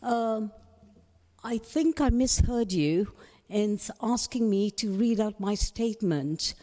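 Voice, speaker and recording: A woman addressing a council committee, reading her statement aloud in a halting, hesitant way. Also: mid-range voice, animated, mellow. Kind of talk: formal statement at a public meeting. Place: council chamber. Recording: reverberant chamber sound.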